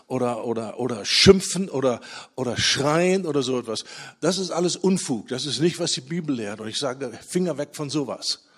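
Husky-voiced man preaching emphatically. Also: mid-range voice. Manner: emphatic, swings between slow stressed words and quick asides. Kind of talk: sermon.

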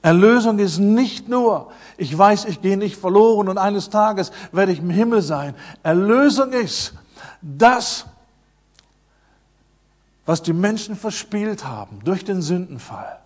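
A middle-aged man preaching a sermon, emphatic and repetitive, swinging between loud passages and soft, low asides. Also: lively intonation, takes it slowly.

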